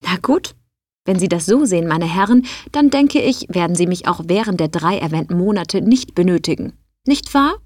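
A woman's voice: fairly low pitch, moderate pace, a little mellow, no room sound, natural voice. A woman playing a furious, snippy fired cook. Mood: defiant. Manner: snippy, threatening. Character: fiery fired woman cook, defiant and sharp.

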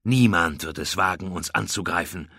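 A man's voice: low voice, moderate pace, pushed and bright, breathy edge, no echo, studio quality, heavily acted. A man voicing a bold, self-assured male pirate captain who barks orders, in a storybook reading. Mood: cool, assured.

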